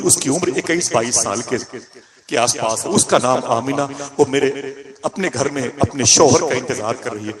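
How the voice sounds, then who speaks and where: A man preaching a dramatic storytelling sermon, voicing grief and quoted speech. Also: mid-range voice.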